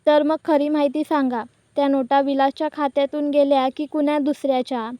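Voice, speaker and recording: A woman voicing a bold young woman who loudly accuses a bank, in her own high voice. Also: flat delivery, brisk, no echo, close to an everyday voice. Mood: angry. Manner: loud, accusing. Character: bold young woman staging an angry scene.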